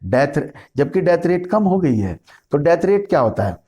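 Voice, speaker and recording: A man teaching a school geography lesson, reading definitions slowly in English and explaining them in Hindi, often asking and answering his own questions. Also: fairly high pitch, sing-song, warm tone, husky. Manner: repetitive, self-correcting, asks and answers his own questions. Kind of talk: classroom lecture mixing Hindi and English.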